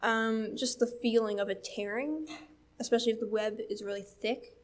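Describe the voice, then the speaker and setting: Her voice is on the high side, steady in tone and moderate in pace. She's a young Newfoundland woman speaking at church, chatting her way through a casual story with plenty of fillers and laughter.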